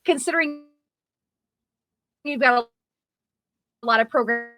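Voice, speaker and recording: A woman's voice: fairly high pitch, measured pace. A woman on a remote video call that keeps breaking up, talking casually as a podcast guest and often repeating her words. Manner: repeats and restarts words, animated. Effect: choppy video-call audio that breaks up. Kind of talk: casual chat.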